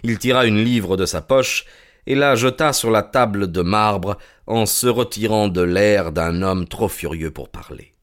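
A man narrating a classic detective story as an audiobook, in a measured literary manner. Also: on the low side.

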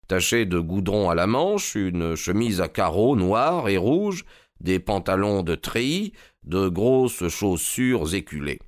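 A man narrating a classic detective story in a measured, deliberate storytelling manner, close on a studio mic. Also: sits low, no room sound. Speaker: audiobook narrator. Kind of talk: scripted literary narration.

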